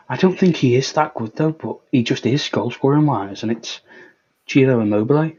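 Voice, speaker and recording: A man's voice: mid-range voice, normal speed, a little mellow, breathy edge. A man chatting casually about football as co-host, joking and trailing off. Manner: laid-back, jokey, trails off. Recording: dull lo-fi stream mic.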